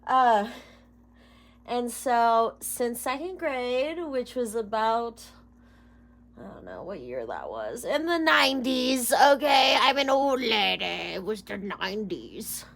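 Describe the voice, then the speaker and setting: Taking it slowly, a woman in her thirties talks to her viewers in a loose, rambling vlog about tarot, swearing freely and giggling. Her voice is fairly high, sing-song, gravelly and a bit bright.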